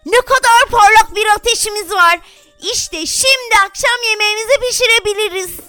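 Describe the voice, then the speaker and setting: A woman voicing a cheerful young boy on a camping trip, in a bright, squeaky child voice. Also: normal speed, soft background music. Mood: excited.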